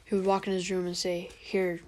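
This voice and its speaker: A young woman narrates an improvised fan story in a low, very flat, monotone voice. She rambles and halts, filling gaps with ums and likes. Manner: rambling, halting, many fillers.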